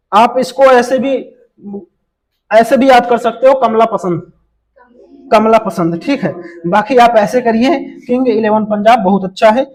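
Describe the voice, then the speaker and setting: High-voiced male teacher drilling answers. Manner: drills students with repeated questions and answers; jokey memory tricks, drops pitch on answers. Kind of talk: exam-prep lesson.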